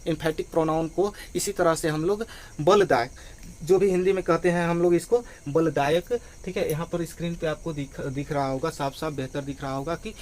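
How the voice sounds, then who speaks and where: Male grammar teacher with a high voice who works through examples patiently, crickets faint in the background. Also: steady tone, moderate pace, a little mellow. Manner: explains step by step, repeating phrases and adding "ठीक है". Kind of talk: online grammar lesson.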